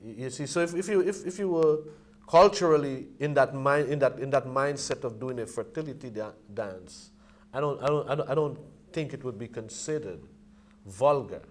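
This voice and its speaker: A man in a casual, reflective discussion, speaking haltingly and searching for his words. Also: mid-range voice.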